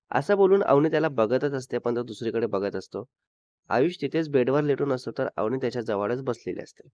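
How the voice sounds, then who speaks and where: A man telling a romantic couple story in steady narration. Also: medium pitch, no echo. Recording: dull dry sound.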